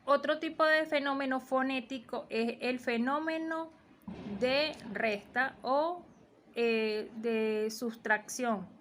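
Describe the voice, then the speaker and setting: A woman's voice: high-pitched, slow pace, a bit bright, a little hiss or hum. A woman teaching a recorded lesson, explaining steadily with fillers and restarts.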